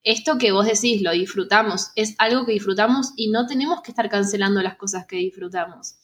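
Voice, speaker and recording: A woman's voice: medium pitch, brisk. A young woman with an Argentine accent co-hosting a podcast, chatting casually and telling stories with quoted dialogue. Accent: Argentine Spanish. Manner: animated storytelling, quoting others. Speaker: podcast co-host. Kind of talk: casual chat.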